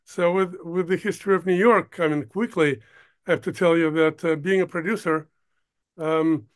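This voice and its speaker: An older man from Ukraine, a producer, talking as an interview guest in a halting way, stopping often to search for words. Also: high voice, steady tone. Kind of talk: casual interview talk.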